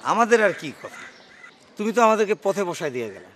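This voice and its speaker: An actor playing a sarcastic bachelors' club member who taunts an old friend, in a television drama. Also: male voice, sits high, sing-song, fast talker, a bit bright, a little hiss or hum.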